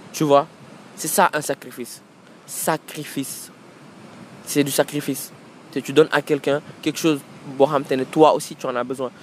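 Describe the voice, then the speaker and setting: A man's voice: medium pitch, a little hiss or hum. A man hosting a podcast in a casual monologue. He talks reflectively, often restarts and repeats words, and mixes in Wolof and English. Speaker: podcast host.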